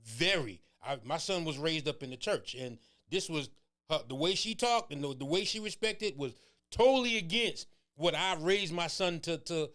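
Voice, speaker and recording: A man co-hosting a casual faith talk show, speaking with an emphatic, animated preaching cadence. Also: on the high side, moderate pace. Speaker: co-host.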